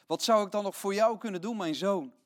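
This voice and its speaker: Man reading an old grieving dad, grave and quick, fairly high voice. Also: close to an everyday voice. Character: aged father, grave and sorrowful.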